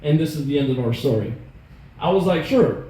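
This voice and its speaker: A man in his thirties doing stand-up, telling stories in an animated, profane, self-mocking way. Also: fairly high pitch, brisk. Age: 30s. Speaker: stand-up comedian. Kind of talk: stand-up storytelling. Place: comedy club stage. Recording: echoey room, faint noise.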